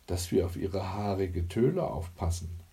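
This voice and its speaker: A man's voice: sits low, expressive, moderate pace, gravelly, dark tone. A man voicing a mocking, curt 45-year-old secretary in an audiobook. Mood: sardonic. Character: sardonic 45-year-old secretary woman, brusque.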